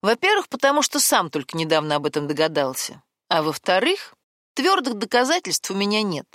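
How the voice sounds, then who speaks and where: A woman's voice: medium pitch, very animated, a little fast, fairly bright tone, no room sound, clean studio sound. A woman voicing a guarded man with a secret, coaxing and defensive by turns, in an audiobook.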